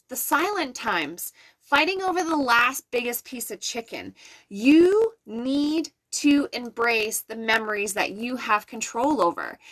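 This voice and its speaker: Middle-aged woman, intuitive card reader, soothing and earnest, a bit high-pitched, live-stream reading. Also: a bit bright. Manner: soothing, earnest, addresses viewers directly.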